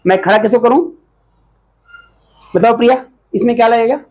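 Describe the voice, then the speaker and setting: A man teaching a classroom lesson, asking the pupils short repeated questions and sometimes calling out loudly. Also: very high-pitched, moderate pace, poor audio.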